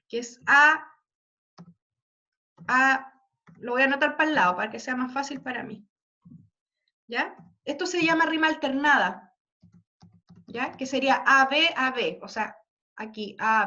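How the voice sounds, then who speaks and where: High-voiced woman teaching a class. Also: pushed and bright. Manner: checks understanding often with tag questions; patient, spells out examples slowly. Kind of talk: classroom lesson explaining poetry. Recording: dull lo-fi recording.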